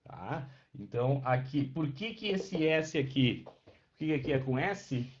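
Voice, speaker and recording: A man's voice: medium pitch, expressive, unhurried. A man, teaching a live online class and patiently checking in with his students as he explains. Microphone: webcam microphone. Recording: dull lo-fi online class audio.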